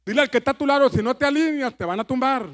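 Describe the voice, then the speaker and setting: Fervent high-voiced man preaching. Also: racing. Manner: fervent, repeats phrases, leads congregation call-and-response. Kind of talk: sermon.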